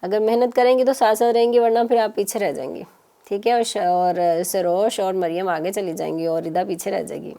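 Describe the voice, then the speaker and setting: A woman teaching children on a TV lesson, patient and coaxing, repeating syllables slowly. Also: mid-range voice, fairly even intonation, gravelly, mellow. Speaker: Quran teacher.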